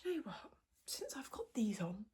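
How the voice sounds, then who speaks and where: A woman podcast host whispering in a hushed, quiet voice so as not to wake anyone, chatting casually in a rambling, self-deprecating way. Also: a little high, wildly swooping pitch, a little fast, a little hiss or hum. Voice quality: whispered, breathy voice. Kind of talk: casual chat to podcast viewers.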